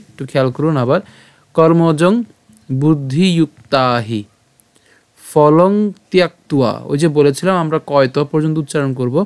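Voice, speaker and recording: A man teaching how to pronounce a verse, reciting it slowly syllable by syllable and patiently explaining each sound. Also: mid-range voice, a little mellow, no echo. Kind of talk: pronunciation lesson.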